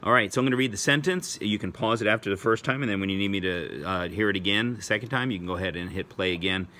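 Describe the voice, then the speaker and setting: A male teacher dictating a spelling test slowly, saying each word twice. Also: fairly low pitch, sharp tone, slight background noise. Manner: slow, deliberate, repeats each word twice.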